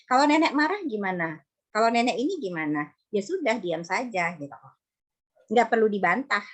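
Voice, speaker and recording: A woman psychologist in her thirties talks through parenting advice in a relaxed, chatty way. She keeps slipping into little acted-out exchanges between a mother and child. Her voice sits at an ordinary middle pitch. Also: normal speed. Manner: conversational, acts out mother-child dialogue. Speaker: psychologist speaker. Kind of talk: parenting talk in an online study session.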